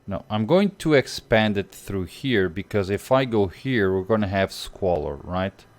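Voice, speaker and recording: The young Portuguese streamer, accent clearly Portuguese, reasons aloud through a strategy game while talking to viewers. He speaks at a measured pace in an animated, low-pitched voice.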